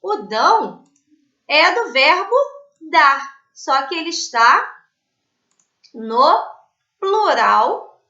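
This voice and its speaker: A high, bright woman's voice, rising and falling in wide sing-song swings as she teaches young children. She takes her time, checking in with short questions as she goes. The recording is echoey and a little dull. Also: big pitch swings. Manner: slow, sing-song teacher talk with frequent tag questions. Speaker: schoolteacher. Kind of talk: online Portuguese class for children. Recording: echoey room, slightly dull lo-fi audio.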